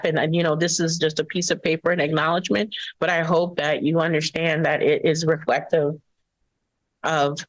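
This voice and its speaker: A woman's voice: deep voice, dry recording, poor audio. A woman school board member giving earnest, impassioned remarks at a public meeting.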